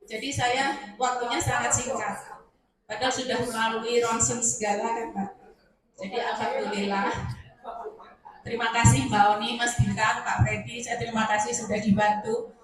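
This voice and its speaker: A woman's voice: fairly high pitch, little pitch movement, moderate pace. A woman giving a thankful spoken testimonial as a patient to a gathering. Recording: echoey room, distant mic, crowd behind. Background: audience murmur.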